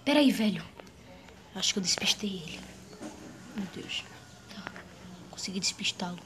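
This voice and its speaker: A woman's voice: high-pitched, expressive, unhurried, a little hiss or hum. A woman playing a young male green dinosaur on the run in a game, talking to himself in a chatty, slangy way. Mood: hiding. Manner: chatty, slangy, talks to itself. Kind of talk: in-character game role-play.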